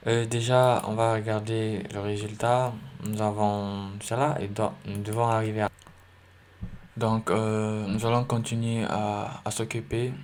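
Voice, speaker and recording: A man's voice: on the low side, level tone, measured pace, darkish tone, slight background noise. A man teaching a coding lesson, thinking aloud with lots of fillers and self-corrections. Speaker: coding tutorial instructor. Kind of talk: screen-recorded coding lesson. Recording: faint keyboard typing and clicks.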